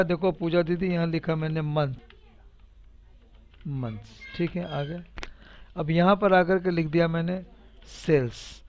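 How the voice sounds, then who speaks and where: A man's voice: a little high, darkish tone. A man teaching a casual spreadsheet lesson, talking steps through in a chatty, repetitive, teasing and encouraging way. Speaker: computer teacher. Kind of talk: casual live spreadsheet tutorial. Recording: dull lo-fi recording.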